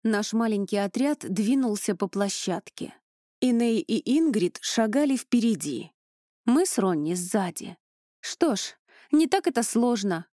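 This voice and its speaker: A woman reading a first-person fantasy audiobook in an expressive way. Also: medium pitch, measured pace, dry recording, clean studio sound. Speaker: audiobook narrator.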